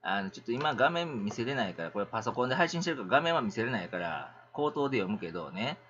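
A middle-aged man with a Kansai accent, chatting on a casual livestream in an animated, rambling, ranting way. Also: medium pitch, fast, muffled recording.

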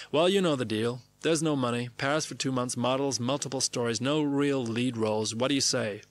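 A man's voice: mid-range voice, fairly bright tone. A man narrating his own diary entries in clipped, wry phrases. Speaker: narrator reading his diaries. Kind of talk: scripted memoir narration.

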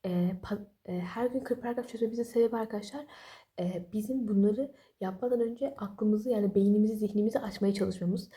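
Young woman vlogger, very dark mellow tone, quick chatty delivery, sleepy late-night talk without a proper mic. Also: medium pitch. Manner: rambling, apologetic, chatty with self-deprecating jokes. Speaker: study vlogger. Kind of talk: casual late-night study advice. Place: home at night while family sleeps. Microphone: no external microphone.

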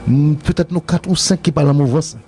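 Haitian male commentator, rapid rambling delivery, mellow dark tone, repeats himself. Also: a little high, a little hiss or hum. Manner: rambling, repeats phrases, laughs often. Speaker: music commentator. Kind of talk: casual radio-show debate.

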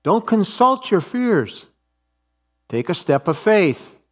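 Pastor doing a quiet, reassuring stranger; slow and gentle. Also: male voice, high voice, very animated, pitched above the performer's own voice, exaggerated voice. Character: calm gentle male stranger, a fire builder. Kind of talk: sermon storytelling.

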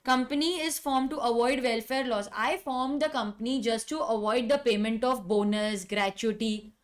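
Indian lady teacher doing an online lecture, kinda high voice, says key stuff twice, really emphatic. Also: normal speed. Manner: emphatic, repeats key phrases. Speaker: law teacher. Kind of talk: live online lecture with direct questions to students.

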